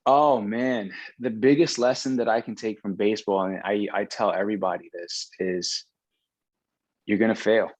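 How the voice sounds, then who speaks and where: A middle-aged man with a fairly low voice talks casually and at length, circling back and restarting his sentences often. The recording is dry and close, with no room sound. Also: steady tone, moderate pace, a little mellow, no echo, poor audio. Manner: rambling, many restarts. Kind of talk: casual conversation about baseball.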